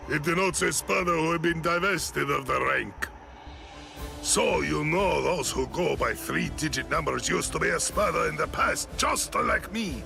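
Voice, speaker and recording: Flamboyant, gravelly, high-pitched villain. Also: male voice, measured pace, music in the background. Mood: proud explaining. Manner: pompous, theatrical, taunting. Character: flamboyant boastful theatrical middle-aged male warrior villain. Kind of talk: anime game dub acting.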